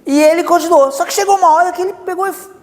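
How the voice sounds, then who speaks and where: Brazilian man preaching, animated storyteller, echoey church hall. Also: very high-pitched, very fast. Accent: Brazilian Portuguese. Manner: animated storytelling with many asides. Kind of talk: sermon.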